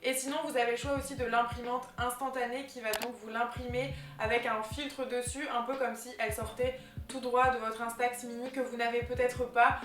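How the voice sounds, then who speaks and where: Young woman vlogging gift ideas, chatty and excited, lots of euhs, slightly high voice. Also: a little fast. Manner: chatty and enthusiastic, with frequent fillers. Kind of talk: casual vlog chat. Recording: echoey room with faint music.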